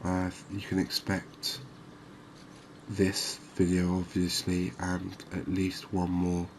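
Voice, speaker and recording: A gaming video host narrates gameplay in a soothing ASMR manner, his deep voice very flat. He talks softly and unhurriedly in long, slow phrases, with faint ambient noise in the background.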